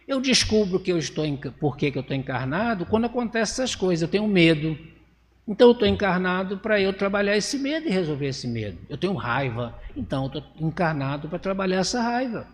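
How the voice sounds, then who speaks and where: Brazilian male lecturer with a slightly high voice and a long hall echo. Talks casually, poses rhetorical questions. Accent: Brazilian Portuguese. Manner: conversational, asks the audience rhetorical questions; acts out voices and lowers his voice for effect. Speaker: spiritist lecturer. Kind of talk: religious lecture.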